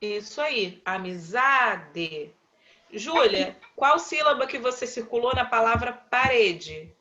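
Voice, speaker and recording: Uma professora brasileira dando aula online, chamando os alunos pelo nome e repetindo as respostas com paciência. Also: female voice, a little high, expressive, bright, forceful tone, lo-fi sound. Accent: Brazilian Portuguese. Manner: patient, slow, calls on pupils by name and repeats answers. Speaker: primary school teacher. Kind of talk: online class, quizzing pupils.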